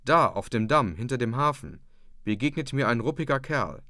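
A man's voice: mid-range voice, expressive, moderate pace, dry recording, studio quality. A man reading the part of an earnest young male dike-reeve who speaks steadily and reassuringly to his wife. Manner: warm, reassuring.

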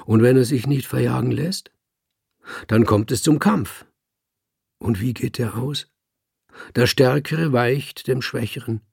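A man voicing a calm, cool male leopard in a slow, even storybook reading. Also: mid-range voice, vocal fry, husky, dry recording, clean studio sound, heavily acted. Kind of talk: audiobook reading.

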